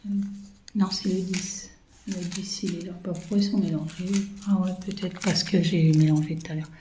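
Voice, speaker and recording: A woman's voice: fairly low pitch, steady tone, normal speed, mellow, a little hiss or hum, rough recording. A woman in her fifties chatting casually to viewers while she works on a craft project, rambling with many fillers and muttering to herself. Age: 50s. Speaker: craft vlogger.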